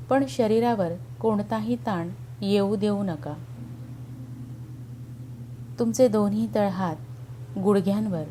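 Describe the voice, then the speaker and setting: A woman leads a guided meditation in a mellow, relaxed voice of middle pitch. She speaks very slowly and soothingly, leaving long, calm pauses between short phrases. Music plays behind her. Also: a little hiss or hum. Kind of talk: slow guided meditation narration. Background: background music.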